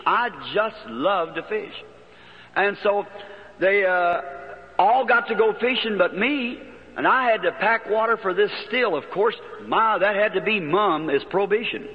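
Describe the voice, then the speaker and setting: A man preaching in a high, homespun voice, full of rural turns of phrase. The old archival recording sounds dull and lo-fi. Long reverb from a large hall trails behind his words. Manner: folksy, plain-spoken storytelling with rural turns of phrase. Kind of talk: sermon storytelling.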